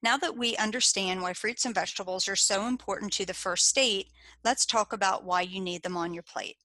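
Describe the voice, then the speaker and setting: A woman with an American accent reading a scripted slideshow narration as an extension educator, in a steady, informative way. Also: medium pitch, a little fast, dry recording.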